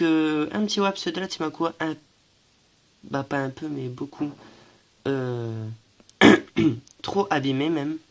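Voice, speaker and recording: A young man from France showing his collection in a casual show-and-tell, hesitant, with many fillers and self-corrections, and stuffy from allergies. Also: a little high. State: stuffy, coughing.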